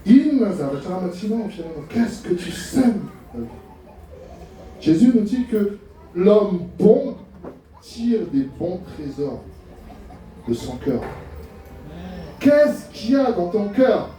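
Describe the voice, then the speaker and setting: A middle-aged male pastor from France preaching with humor and rhetorical questions. His mellow, dark-toned voice rings through a very echoey church hall and sounds set back from the mic. A faint hiss sits under it. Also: sits high, sing-song, slow pace, pauses often, recorded from a distance. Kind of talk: sermon.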